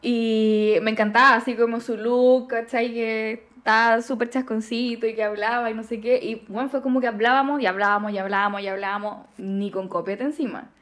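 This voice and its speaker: A young Chilean woman telling a dating story in casual chat, animated and full of slang. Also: on the high side, a little fast, few pauses. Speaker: podcast guest.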